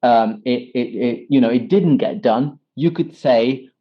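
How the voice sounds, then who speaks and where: A man, an English teacher, patiently explaining example phrases in an interview, with lively emphasis on each one. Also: mid-range voice, a little slow. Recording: slightly dull lo-fi sound.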